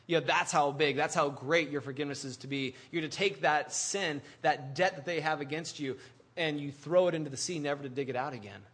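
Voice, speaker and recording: A male pastor preaching a sermon in an animated, conversational way, full of restarts and asides. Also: fairly high pitch, brisk, breathy edge.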